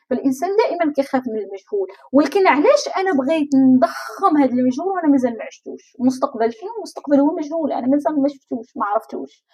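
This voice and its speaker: A woman's voice: sits high, mellow. A woman life coach with a Moroccan Arabic accent gives a motivational talk, speaking straight to the listener and asking many rhetorical questions.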